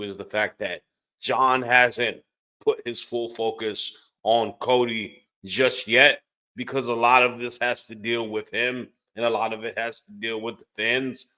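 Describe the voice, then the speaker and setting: A man's voice: mid-range voice, fairly even intonation, a little slow, pushed and bright, low-quality recording. A man talking casually and earnestly as a wrestling fan, with emphatic, punchy delivery. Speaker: wrestling podcast commentator.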